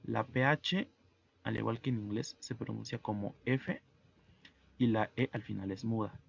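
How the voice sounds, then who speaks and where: A man teaching French to Spanish speakers, explaining pronunciation slowly and methodically, letter by letter. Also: on the low side, fairly even intonation, vocal fry, dull audio. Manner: slow, methodical, spells out sounds letter by letter. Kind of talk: online language lesson.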